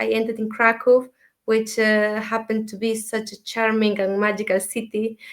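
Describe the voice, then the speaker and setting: Soft-spoken woman from Ecuador, flat tone. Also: mid-range voice. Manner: soft-spoken, thoughtful, many fillers. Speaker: dream mentor, guest. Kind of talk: casual interview talk.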